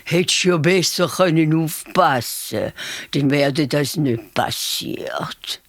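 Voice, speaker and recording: A woman with a Swiss German accent voicing a haughty giraffe who talks down slowly, half whispered. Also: low-pitched, lively intonation, no room sound, full character voice. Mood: condescending. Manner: slow, condescending, half whispered. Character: haughty lofty giraffe, condescending.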